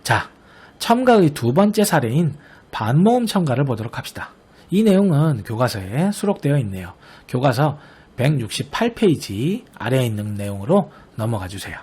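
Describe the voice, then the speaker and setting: A male teacher gives a recorded grammar lesson in a slightly breathy, husky voice. His pitch rises and falls in a lively way as he explains each point step by step. He slows down to sound out example words and keeps checking that his students understand. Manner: patient, explanatory, often checks understanding with the class; slowly sounds out example words to model pronunciation. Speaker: Korean language teacher.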